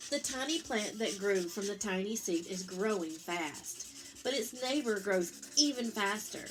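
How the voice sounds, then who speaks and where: Unhurried woman reading to children. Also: mid-range voice, animated, noisy background. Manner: explains to young listeners, asking them questions. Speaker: teacher reading a picture book aloud. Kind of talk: children's story read-aloud with explanatory asides.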